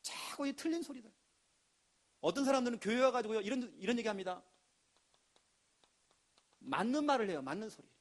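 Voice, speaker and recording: A man preaching a sermon in a lively, emphatic way, now and then acting out quoted voices. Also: extremely high pitch, fairly quick, long pauses. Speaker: pastor.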